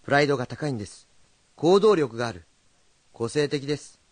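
An actor playing a young, earnest rakugo storyteller who is direct and meddling but kind. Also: male voice, mid-range voice, a little fast, dry recording, natural voice. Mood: calm. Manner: animated, direct speech.

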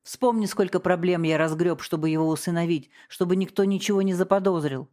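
A woman's voice: fairly low pitch, fairly quick, mellow, natural voice. A woman reading the part of a harsh, domineering middle-aged husband, cold and cutting. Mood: cold, sarcastic. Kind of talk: audiobook character reading.

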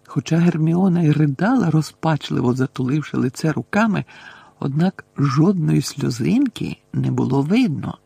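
A man narrating an audiobook with an expressive, dramatic reading. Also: fairly high pitch, moderate pace, vocal fry, slightly rough, no room sound.

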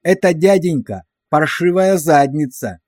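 A man's voice: fairly high pitch, animated, a little slow, darkish tone, no room sound. A man voicing a young male recruit who mocks his sergeant in a drawling, broken, howling voice. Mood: mocking.

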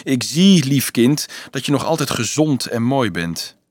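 A man's voice: mid-range voice, big pitch swings, a little slow, no echo. A man doing a wry, easygoing young student. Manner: light, teasing, evasive.

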